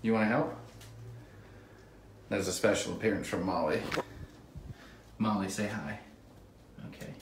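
A man's voice: on the low side, a little slow, pauses often. A man in his thirties chatting casually to camera as a vlogger. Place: small tiled home bathroom. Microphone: phone at arm's length or propped nearby. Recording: roomy bathroom echo, distant mic, background noise.

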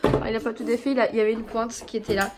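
A young woman and mother with a cold, chatting casually and rambling through her day at home for a vlog, often dropping to a soft, low voice. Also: level tone, rapid-fire, very noisy. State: sniffling with a cold. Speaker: vlogger, mother of two young boys.

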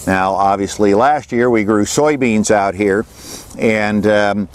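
A farmer from Western Illinois, kneeling outdoors in an open field, explains his field trial in a plain, halting way with many fillers and repeats. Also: on the low side, clean tone. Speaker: farmer presenting on-farm research. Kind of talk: informal field demonstration to camera. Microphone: camera at a few meters, kneeling speaker.

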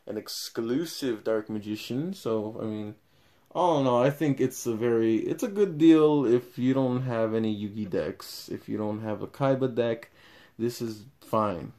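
Young guy opening card packs on camera, lowish gravelly voice, rambles, volume keeps fading. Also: mellow. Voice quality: level drops in and out as he moves. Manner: rambling, thinks aloud while opening packs. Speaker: card collector reviewing a product. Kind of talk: casual unboxing review. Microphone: camera mic, filming at an awkward angle.

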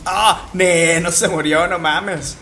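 A man with a Mexican Spanish accent giving live gameplay commentary as a streamer, jokey and profane, with sudden excited outbursts. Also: fairly high pitch, takes it slowly, slight background noise. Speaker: gaming streamer.

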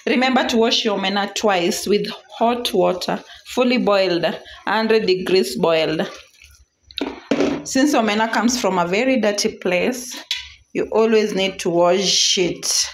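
A Kenyan-accented woman hosts a casual cooking vlog, speaking at medium pitch and a little slowly. She's chatty, repeats phrases and mixes in Swahili words. The room is echoey, with clear background noise and clicks.

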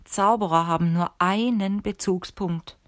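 A woman reading the lines of a calm, stern old male sorcerer teacher in a measured, instructive way for an audiobook. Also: medium pitch, no echo, studio quality, close to an everyday voice.

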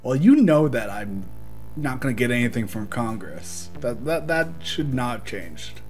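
Man narrating his own playthrough, mid-pitched, chatty, soft game music under him. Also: very animated, unhurried. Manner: chatty, talks to himself, laughs often. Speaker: let's play gamer. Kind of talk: casual gameplay commentary.

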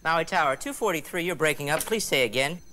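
An actor playing an air traffic controller, heard over a crackling radio transmission that keeps breaking up, with clipped radio procedure talk. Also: male voice, a little high, animated, quick pace, bright, forceful tone.

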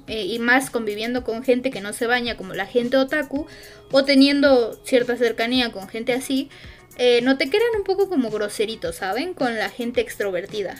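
A woman's voice: a little high, fairly bright tone. A young woman, a streamer chatting casually with her viewers and answering chat, with lots of fillers. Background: faint music.

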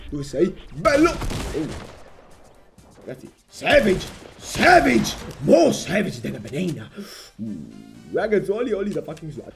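A young man commentating his own gameplay as a channel host, excitable and jokey, jumping between loud outbursts and low muttering. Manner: jokey, sings and mocks opponents. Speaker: gaming YouTuber.

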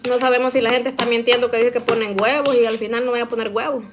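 A woman's voice: a little high, little pitch movement, quick pace, background noise. A middle-aged woman, chatting casually with viewers while cooking in her home kitchen, often tagging her sentences with "¿verdad?". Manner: chatty, addresses viewers as "niñas", frequent "¿verdad?" tags. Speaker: vlogger.

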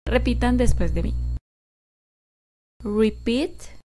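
A woman's voice: fairly high pitch, darkish tone, slight background noise. A woman teaching grammar in a cheerful, careful way. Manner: cheerful, slow and careful, repeating words for practice. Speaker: English teacher. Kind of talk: explaining grammar to a camera.

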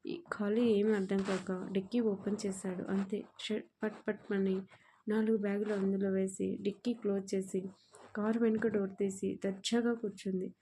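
A woman storyteller reading a romantic audio story in a calm, steady narrating voice. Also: medium pitch, normal speed, a little hiss or hum.

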